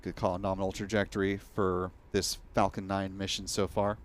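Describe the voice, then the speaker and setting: A man giving measured live commentary on a broadcast. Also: deep voice, flat delivery, a little hiss or hum.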